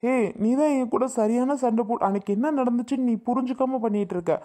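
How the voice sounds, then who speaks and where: A woman's voice: fairly high pitch, quick pace, warm tone, lightly acted. A woman voicing an insistent, pleading young man in a cartoon who begs his ex-girlfriend to take him back. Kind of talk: cartoon voice acting.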